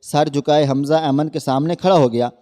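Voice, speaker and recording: A man's voice: a little high, fairly even intonation, warm tone. A man narrating an emotional moral story in an earnest, scripted reading.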